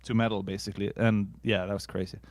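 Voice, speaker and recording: A Swedish man in his thirties, a musician guest, chatting casually in a relaxed, halting way with casual swearing. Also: on the low side, no echo. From Sweden. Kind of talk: casual interview chat.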